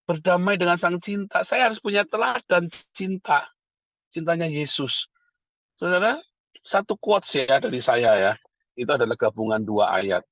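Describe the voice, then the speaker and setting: A man's voice: fairly high pitch, animated, moderate pace, fairly bright tone, no echo. A middle-aged man, a pastor, preaching a sermon and calling to his listeners as brothers and sisters.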